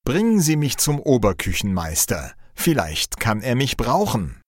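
A man's voice: mid-range voice, huge pitch swings, measured pace, darkish tone, dry recording, clean studio sound. A man voicing a small, ugly young dwarf who earnestly offers his cooking skill, in a storybook reading.

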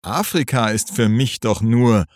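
A man voicing an earnest, studious teenage schoolboy in a read-aloud story, speaking slowly and carefully. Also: medium pitch, no echo, studio quality, lightly acted. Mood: indignant.

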